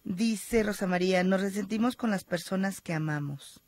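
A woman's voice: medium pitch, moderate pace, a little mellow, no echo. A woman hosting a radio talk show, chatting and reading listener messages. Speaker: radio host.

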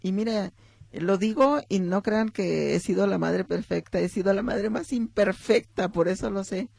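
A woman's voice: lowish voice, creaky, breathy edge, dry recording. A middle-aged woman with a Mexican accent, a psychologist hosting a reflective talk on motherhood, telling stories and acting out short quotes. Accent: Mexican Spanish. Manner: warm storytelling, acts out short quotes, addresses listeners.

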